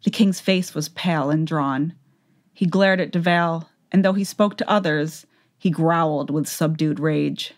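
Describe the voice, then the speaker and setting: In an unhurried, low-pitched voice, a woman reads a fantasy tale from a script, as in a dramatic audiobook.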